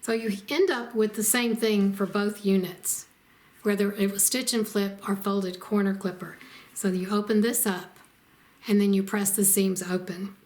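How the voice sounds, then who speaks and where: A woman narrating a step-by-step quilting tutorial as the instructor, in a calm and methodical way. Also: mid-range voice, normal speed. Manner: calm, methodical, explains each step plainly.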